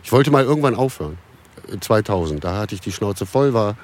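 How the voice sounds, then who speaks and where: A man in his fifties from Germany, a musician guest in a casual podcast conversation, telling stories in a relaxed way with many restarts and fillers. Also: lowish voice, fairly quick.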